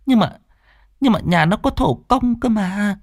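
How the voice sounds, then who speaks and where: A man voicing a fretful village mother, high and wailing. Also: lively intonation, a little slow, no echo, studio quality, exaggerated voice. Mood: alarmed. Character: scolding female peasant mother, anxious and tearful.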